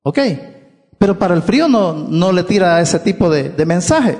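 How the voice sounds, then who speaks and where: A man's voice: high voice, expressive, normal speed, darkish tone, long reverb tail. A man preaching a sermon, explaining earnestly and often repeating words as he restarts.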